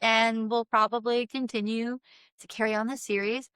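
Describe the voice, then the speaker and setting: A woman talking in a casual, rambling and animated solo vlog style, informal and unscripted. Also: fairly high pitch, normal speed, clean tone, no room sound. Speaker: host, self-published author.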